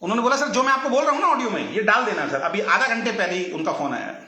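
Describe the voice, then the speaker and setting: A man's voice: high voice, expressive, quick pace, pushed and bright, reverberant. A man hosting a live stream, talking at length in a teasing, mocking manner about nicknames and business rivals. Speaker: direct selling channel host.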